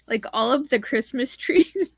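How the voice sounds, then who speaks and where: A woman's voice: fairly high pitch, expressive, measured pace, creaky, slightly rough, no echo. A woman co-hosting a casual watch party chat, enthusiastic and outspoken. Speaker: co-host, friend of the host.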